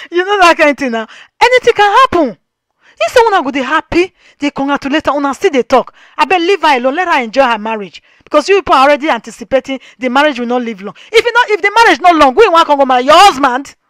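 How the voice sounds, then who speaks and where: A woman with a Nigerian accent hosting a talk show, giving lively commentary with rhetorical questions. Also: high-pitched, fast, dry recording. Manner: animated, rhetorical, mixes Pidgin and Yoruba. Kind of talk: casual commentary monologue.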